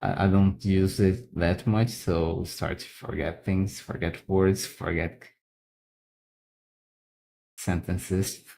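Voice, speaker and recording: Speaking English with a Brazilian Portuguese accent, this illustrator, a native Portuguese speaker, has a very deep, warm voice with vocal fry and a flat delivery. He chats slowly while drawing, pausing often and repeating a word as he gathers his thoughts.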